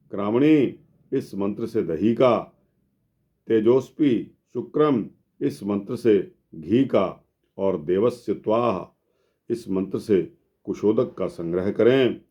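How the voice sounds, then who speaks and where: Slow, measured man reading scripture. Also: fairly low pitch, muffled recording. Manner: measured, addresses listeners as friends. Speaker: scripture narrator.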